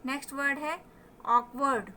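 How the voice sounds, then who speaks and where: Bright-voiced woman teaching vocabulary. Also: sits high, steady tone, a little hiss or hum. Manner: slow, drawn-out word pronunciations, mixing Hindi explanations with English definitions. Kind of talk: vocabulary lesson with pronunciation drills.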